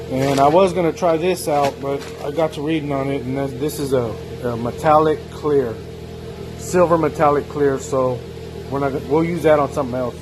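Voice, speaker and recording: A man's voice: on the high side, noisy background. A man narrating his own workshop vlog in a loose, chatty way, with many fillers and restarts. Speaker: DIY vlogger.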